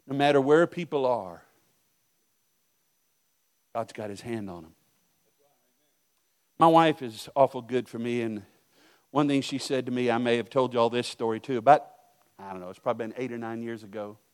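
A middle-aged male pastor preaching a sermon, telling stories and swinging from hushed asides to loud outbursts. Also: mid-range voice, moderate pace, pauses often, clear, resonant tone.

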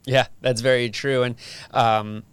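Male podcast host, upbeat and chatty, smooth resonant voice, dry close sound. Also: medium pitch, little pitch movement, measured pace, no echo. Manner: upbeat, friendly, some filler words. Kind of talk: interview podcast.

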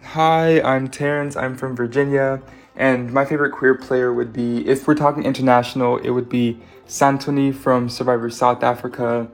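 A man of middle pitch leaves a thoughtful voicemail, weighing his choices as he speaks. Faint music with guitar plays behind him. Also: flat delivery, moderate pace. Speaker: caller leaving a voicemail.

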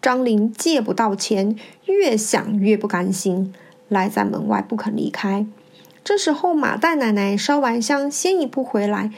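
A woman narrating a classic storybook tale in a lively, expressive way. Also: medium pitch, a little slow.

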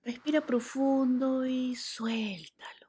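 A woman guiding a relaxation meditation in a soft, soothing voice, with breathy whispered cues. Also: high-pitched, fairly even intonation, slow. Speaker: meditation guide.

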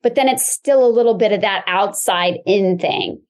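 A woman's voice: medium pitch, normal speed. A woman who teaches movement, explaining her ideas in a conversational, reflective way as an interview guest. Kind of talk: casual explanatory chat.

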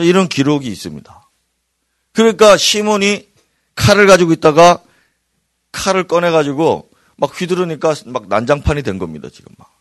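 A man preaching at an evening prayer meeting, his pitch rising and falling with lively energy. He shifts from loud emphatic lines to hushed near-whispers. The recording is dry and close, with little room sound. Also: no echo. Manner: animated preaching, swinging between loud bursts and near-whispers. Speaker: pastor. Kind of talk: sermon. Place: church hall.

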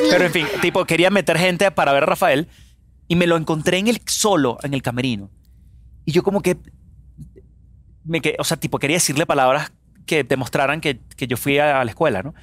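A young man from Venezuela, a guest musician in a casual interview, telling animated stories full of fillers. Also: a little high, dry recording. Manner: animated storyteller, many fillers.

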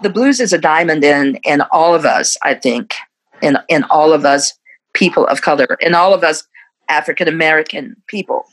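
A woman's voice: deep voice, normal speed, rough recording. Laughing reflective woman in her fifties. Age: 50s. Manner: reflective, laughs often between thoughts. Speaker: musician guest. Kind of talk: casual interview.

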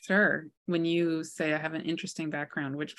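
A woman in her forties with a low voice talks as an interview guest. She recounts her life in a reflective, candid way. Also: steady tone, moderate pace, fairly bright tone. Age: 40s. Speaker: guest, author and healer.

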